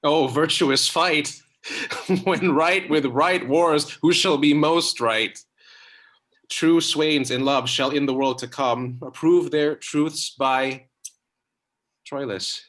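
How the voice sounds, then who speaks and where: An actor playing an earnest, tender young prince in love, speaking stage verse. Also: male voice, medium pitch, steady tone, takes it slowly, natural voice.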